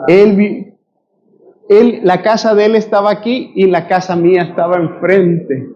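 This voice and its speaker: A male pastor preaching a sermon, rising to shouts and asking the congregation questions. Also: high voice, level tone, unhurried, highs cut off. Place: church.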